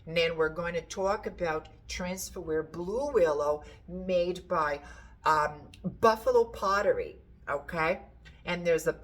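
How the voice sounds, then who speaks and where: A woman from Portugal with a Portuguese accent, chatting enthusiastically and rambling a little as she shows pieces from her shop. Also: on the low side. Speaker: antiques seller. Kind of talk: casual show-and-tell.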